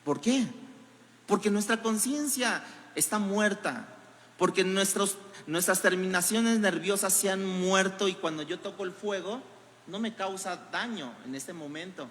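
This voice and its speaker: A man's voice: high voice, unhurried, fairly bright tone, big-room sound. A man preaching a sermon as pastor, with a Mexican Spanish accent, building emphasis through rhetorical questions. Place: church hall.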